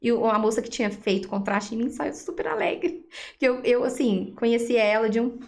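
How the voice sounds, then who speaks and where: A woman with a Brazilian Portuguese accent sits as a guest and tells her testimony of faith in a somewhat high voice. She speaks as an animated storyteller. She steps into each line of dialogue she quotes and acts it out. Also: moderate pace. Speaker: interview guest.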